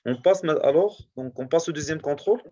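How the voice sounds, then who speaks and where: A male teacher going over a test in class, speaking haltingly and often checking that his students follow. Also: fairly high pitch, dark tone, highs cut off. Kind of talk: classroom lesson correcting a test.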